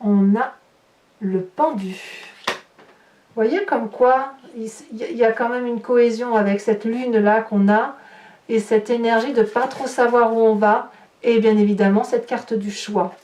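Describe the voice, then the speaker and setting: A woman tarot reader with a fairly high voice talks her way through a spread, musing and hesitant and posing rhetorical questions to the viewer. She sits some way from the mic, and the room around her rings with reverb. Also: fairly even intonation, unhurried, darkish tone, a little hiss or hum. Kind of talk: tarot reading to camera. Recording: roomy, distant mic.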